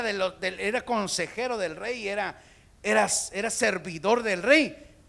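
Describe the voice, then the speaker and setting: A man, a pastor, preaching a sermon and speaking straight to the congregation, with sudden shouted peaks. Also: high voice, gravelly. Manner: addresses the congregation directly.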